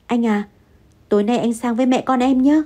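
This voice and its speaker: A woman's voice: a little high, fairly even intonation, brisk, warm tone, close to an everyday voice. A woman voicing an anxious young wife who pleads and apologizes in an audio story. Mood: pleading.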